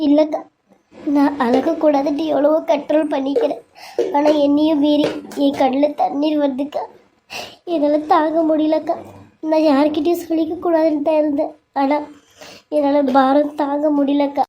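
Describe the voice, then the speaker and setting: A woman's voice: high-pitched, level tone, a little slow, pauses often, lo-fi sound. A woman voicing a hurt young wife who speaks while crying, in a family serial drama. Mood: tearful. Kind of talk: Tamil family serial voice acting.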